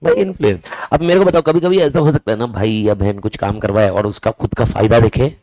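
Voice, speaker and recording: A man teaching a lively lecture, asking his students questions and answering them himself, repeating key words and calling them "boss" and "brother.". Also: on the low side, fairly quick, no room sound, poor audio.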